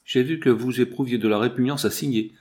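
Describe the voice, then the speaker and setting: A man reading the lines of a secretive, anxious woman, the wife of a bandit chief, in a low hushed voice. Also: steady tone, brisk, natural voice.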